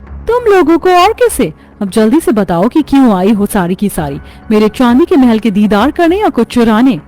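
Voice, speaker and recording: A woman voices a proud, arrogant rich woman from a cartoon story who lives in a silver palace. She talks high and haughty, snapping her questions with lively swings of pitch over soft background music. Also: normal speed.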